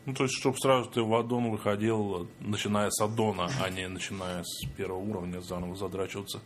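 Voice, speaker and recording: Chatty male guest, mid-pitched, explains with quick acted quotes, light hiss. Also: little pitch movement. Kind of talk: casual chat.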